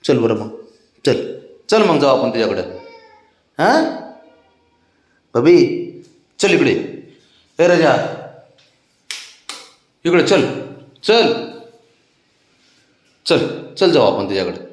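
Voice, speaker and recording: A man's voice: fairly high pitch, very animated, slow, long pauses, roomy sound. A man, talking to his pet cat in soothing, coaxing baby talk. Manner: coaxing, soothing, sing-song.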